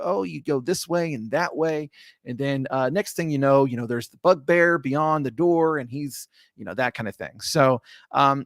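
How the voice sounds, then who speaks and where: A man's voice: fairly high pitch, a bit bright, no room sound, clean studio sound. Rambling man recapping a tabletop game. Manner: rambling, self-correcting, frequent fillers. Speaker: game master recapping a campaign. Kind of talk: casual campaign recap narration.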